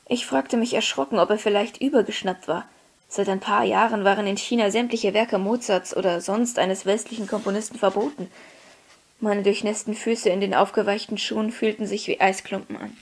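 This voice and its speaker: A woman reads a novel aloud in a measured, expressive way. Her pitch sits in the middle for a woman, and her pacing follows the story. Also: husky. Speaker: audiobook reader. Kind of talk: scripted audiobook narration.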